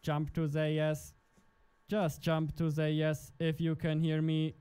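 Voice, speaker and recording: A man voicing a male game AI in a plain monotone, robotic way. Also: fairly high pitch, slow pace, clean tone. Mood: mocking.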